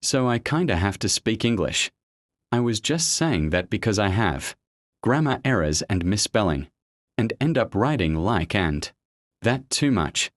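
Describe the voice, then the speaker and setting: This steady male narrator reads an online story told in the first person, pronouncing abbreviations letter by letter. His lowish voice is unhurried, and the studio-quality recording has no echo.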